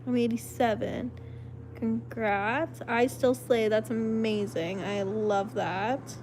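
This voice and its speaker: A woman's voice: on the high side, steady tone, slow pace, darkish tone, a little hiss or hum. A woman in her thirties hosting a casual late-night live stream at home, reading viewer comments in a rambling, apologetic way with lots of "um"s, close to her phone. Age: 30s. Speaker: livestream host. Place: at home at night, lit by a flashlight. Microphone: phone camera held close.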